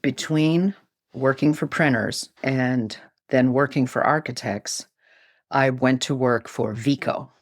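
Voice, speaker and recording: A woman's voice: rumbling low, slow, no echo, studio quality. An older woman from New York whose first language is Greek, telling stories in a chatty interview with frequent filler words. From New York, USA. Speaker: guest. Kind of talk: conversational interview.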